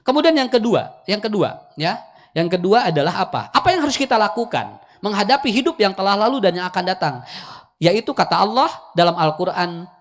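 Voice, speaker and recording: A man with a Sundanese accent preaching a humorous Islamic sermon, swinging between loud, high emphasis and quiet asides, often chuckling. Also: very animated, fairly quick.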